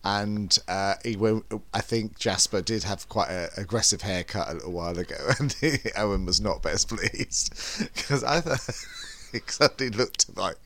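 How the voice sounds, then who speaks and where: A man's voice: lowish voice, normal speed, fairly bright tone. A man hosting a podcast in casual chat, with a camp manner full of affectionate endearments. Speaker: podcast host.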